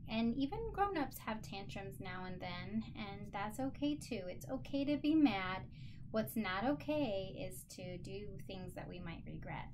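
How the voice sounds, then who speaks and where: A special education teacher, a woman with a medium-pitched voice, leads a lesson and read-aloud for children, using simple, encouraging words. The background is noisy.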